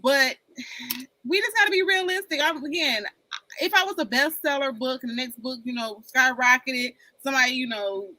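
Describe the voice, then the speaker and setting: Bright-voiced woman in her forties, candid. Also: sits high, moderate pace, low-quality recording. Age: 40s. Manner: candid, rambling, repeats "like I said". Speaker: panel guest. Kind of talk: casual chat.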